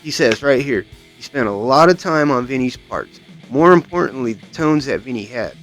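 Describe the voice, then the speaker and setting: A man rants at length in a casual, profane way, circling back on himself and filling the gaps with "you know what I mean". His voice sits at an everyday middle pitch. Faint music plays low behind him. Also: expressive, moderate pace, a bit bright. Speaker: guitar vlogger. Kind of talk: casual rant to camera.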